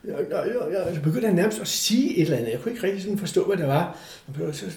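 An older man with a fairly high voice tells a personal story in a relaxed interview. He is animated and acts out the voices of the people he describes. The room is echoey. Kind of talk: casual storytelling.

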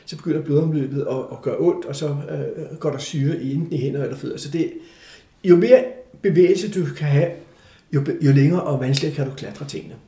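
An older man with a fairly high voice tells a personal story in a relaxed interview. He is animated and acts out the voices of the people he describes. The room is echoey. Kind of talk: casual storytelling.

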